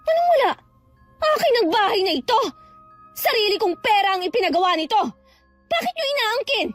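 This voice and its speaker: A woman's voice: very high-pitched, animated, fairly quick, no echo, faint music behind. An actress playing a young woman who was cheated out of her house and angrily confronts her family. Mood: furious. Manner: confrontational, shouting accusations. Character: wronged young woman who worked abroad, furious.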